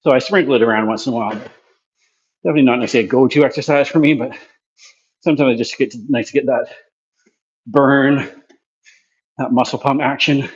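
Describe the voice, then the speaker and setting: Out of breath from exercising, a man presenting for a physiotherapy clinic chats casually between sets as he demonstrates a gym workout for a vlog. He speaks quickly in a medium-pitched voice with long pauses, and the recording sounds muffled.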